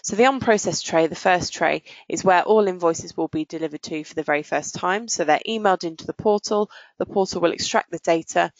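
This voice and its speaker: A woman presents a software demo in a fairly low pitch, chatting her way through the explanation with pauses and drawn-out words. The recording is dry, dull and muffled.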